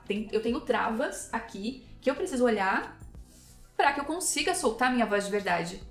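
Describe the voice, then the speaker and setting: A Brazilian woman co-hosts a podcast and tells her story in a lively, chatty way, full of little fillers. Her voice sits a bit high. The room is echoey, and there is faint music underneath. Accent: Brazilian Portuguese. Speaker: podcast co-host. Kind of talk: podcast conversation. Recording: roomy echo, faint music behind.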